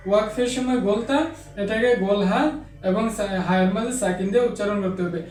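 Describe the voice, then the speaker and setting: A man teaching an online Quran reading lesson, explaining each rule and then chanting Arabic examples in a slow, drawn-out recitation. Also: high voice, steady tone, a little mellow, far from the mic. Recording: echoey, off-mic room sound.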